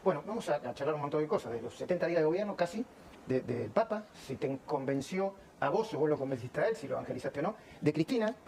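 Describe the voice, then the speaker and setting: A man interviewing a president, asking questions in a brisk, conversational way. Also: a little high, creaky.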